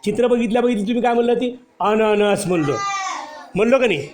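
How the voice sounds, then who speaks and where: A man's voice: high-pitched, fast talker. A man teaching a first-grade class, patiently asking and repeating simple questions for young children, with some faint noise behind him. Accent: Marathi. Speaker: primary school teacher.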